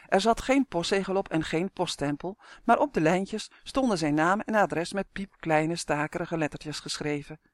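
A calm audiobook narrator reads a children's story at a steady, measured pace. The voice sits mid-range, and the recording is dry and close with no room sound. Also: mid-range voice, no echo. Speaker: audiobook reader. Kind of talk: scripted narration.

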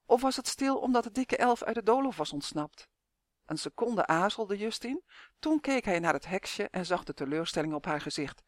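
A man narrating a children's fantasy audiobook in a lively, expressive storytelling manner. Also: sits high, moderate pace, dry recording, clean studio sound.

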